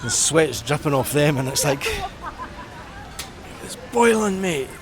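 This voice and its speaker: A crowd can be heard behind this middle-aged Scottish man as he vlogs on a busy seafront walk, chatting in a reflective, conversational way. His voice is on the high side with lively intonation and a measured pace, and the outdoor recording carries traffic noise.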